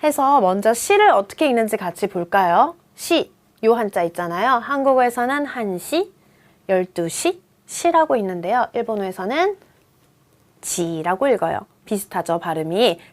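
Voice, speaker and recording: A woman's voice: a little high, lively intonation, moderate pace. A woman in her thirties teaching a beginner Japanese lesson, coaxing students along with quiz questions. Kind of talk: video lesson.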